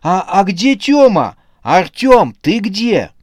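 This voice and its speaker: A man's voice: a little high, big pitch swings, unhurried, dry recording, studio quality, voice pushed up. A man voicing an anxious young wife in a comic horror audiobook, alarmed and protective of her husband. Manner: alarmed, pleading.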